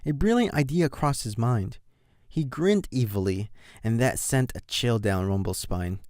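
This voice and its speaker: A man narrating a fan fiction audiobook in an expressive reading style. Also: medium pitch, a little slow, dry recording, studio quality. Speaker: reader.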